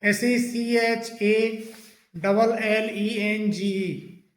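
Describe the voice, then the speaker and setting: Slow, echoey teacher. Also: male voice, high voice, fairly even intonation. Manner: slow, spells words letter by letter, repeats answers; frequent hesitation fillers. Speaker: spoken English teacher. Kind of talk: pronunciation lesson. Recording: echoey room.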